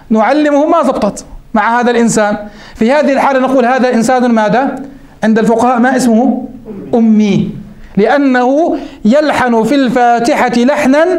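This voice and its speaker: Male sheikh, quick high-pitched teaching voice, asks rhetorical questions, echoey room. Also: darkish tone. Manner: quotes the text then explains, asks rhetorical questions. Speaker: sheikh teaching Islamic jurisprudence. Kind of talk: religious lesson explaining a text.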